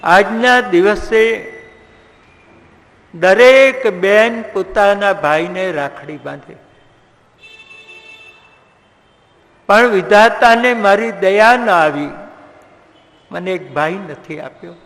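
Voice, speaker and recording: A man's voice: high voice, takes it slowly, fairly bright tone, heavily acted. A man voicing a grieving goddess. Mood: lamenting. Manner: tearful, lamenting. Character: grieving goddess, a noble woman pleading. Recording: echoey hall reverb.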